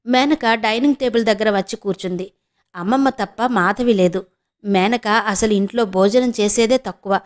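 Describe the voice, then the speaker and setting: A woman's voice: mid-range voice, normal speed. A woman from Andhra Pradesh narrating a serialized novel as an audiobook, reading steadily. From Andhra Pradesh, India.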